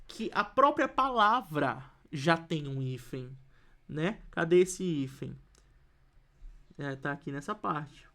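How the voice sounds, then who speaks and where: Brazilian teacher, online writing lesson, patient, repeats examples, mid-pitched voice, talks while writing. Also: a bit bright. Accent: Brazilian Portuguese.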